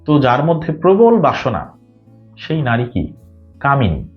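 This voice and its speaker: A man's voice: medium pitch, big pitch swings, a little slow. A man with a Bangladeshi Bengali accent giving a spiritual talk, arguing with many rhetorical questions. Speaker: spiritual speaker. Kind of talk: spoken religious talk. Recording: dull lo-fi audio with faint guitar music.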